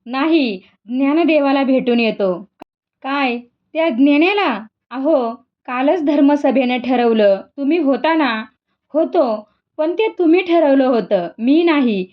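A woman's voice: high voice, expressive, slow. A woman voicing a blunt, defiant village man in a spoken story reading. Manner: blunt, dismissive. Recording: dull lo-fi recording.

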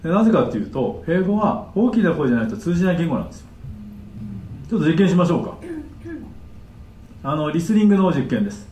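A man giving a live seminar as a counselor, animated and demonstrative, chatting with his audience. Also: on the high side, fast, pauses often, a little hiss or hum. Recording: echoey hall, distant mic.

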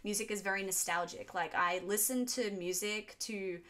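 A woman in her twenties with an Australian accent, hosting a casual question-and-answer vlog from a small room at home, chatty and animated. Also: medium pitch, moderate pace. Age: 20s. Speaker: YouTube music reaction host.

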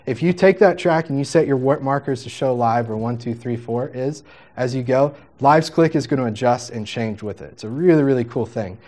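A man leads a live workshop on music software, talking in an upbeat, jokey way. He explains each step casually and acts out little quoted exchanges to make his point. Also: medium pitch, brisk. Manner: upbeat, jokey, chatty teaching with quoted asides.

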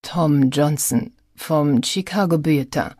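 A woman voicing a scheming man who poses as a reporter. He speaks slowly in a drawn-out, oily, polite tone. The voice is low, dark and husky. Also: dry recording, clean studio sound.

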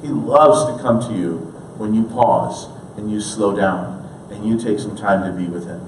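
A man in his thirties preaching a sermon in an earnest way, moving between hushed, slow lines and emphatic ones. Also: fairly low pitch, slight background noise. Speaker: pastor. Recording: roomy, distant church recording.

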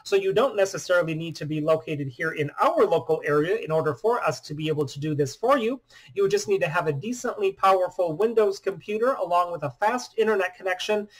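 A man in his thirties, a phone shop owner, explaining a phone demo in a steady, matter-of-fact way from a small room indoors. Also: high voice, husky. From US Midwest. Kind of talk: product demo vlog.

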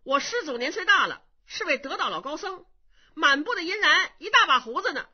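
A woman storyteller voicing a sharp-tongued, suspicious young male monk who shouts accusations. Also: extremely high pitch, very animated, brisk, voice pushed up. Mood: accusing. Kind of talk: traditional Chinese storytelling. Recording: dull lo-fi recording.

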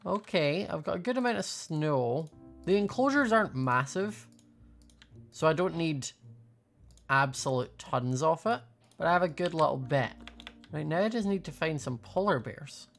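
A young woman hosts a gaming video, giving playful, casual commentary as she thinks aloud. Her low voice is expressive with some vocal fry, at a moderate pace, and faint music plays in the background.

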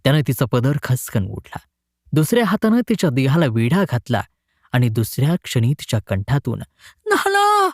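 A man narrating a short story in a dramatic, expressive reading. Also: medium pitch, brisk, no room sound, studio quality.

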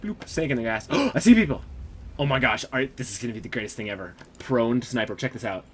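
A man chatting casually while gaming, excitable and teasing, laughing often, on a headset. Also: mid-range voice, fast talker, slight background noise. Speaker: gamer.

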